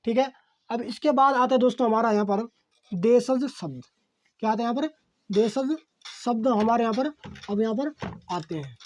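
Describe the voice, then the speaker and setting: A male teacher giving an exam-prep grammar lesson, repeating key phrases and posing rhetorical questions that he answers himself, with frequent "okay, friends" fillers. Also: very high voice. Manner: fills pauses with "okay, friends".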